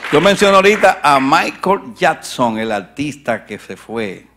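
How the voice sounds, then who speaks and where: A male pastor preaching a sermon to his congregation, swinging from shouts to near whispers and asking the crowd questions along the way. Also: a little high, sing-song, a little slow, noisy background. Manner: conversational asides to the congregation. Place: church.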